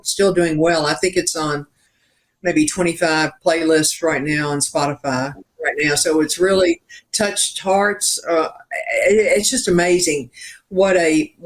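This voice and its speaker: An older songwriter from Richmond, Virginia, telling his story as a guest in an interview, acting out quoted dialogue and laughing at his own jokes. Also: a little high. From Richmond, Virginia, USA.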